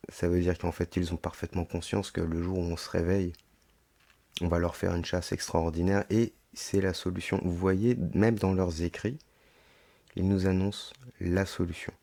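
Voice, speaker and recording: A deep-voiced man delivers a podcast monologue, moving between reading and commentary. His tone is dark and gravelly, with the thickened sound of a sore, swollen throat. He speaks in hesitant stretches broken by rhetorical asides. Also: level tone, moderate pace. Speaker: podcast host. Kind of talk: monologue reading a text aloud with running commentary.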